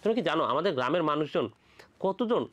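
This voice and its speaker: A teacher from Bangladesh giving a lively medical admission biology lecture, repeating each question, answering it, and checking in with the students again and again. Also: mid-range voice, fast talker, lo-fi sound. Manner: colloquial, playful asides.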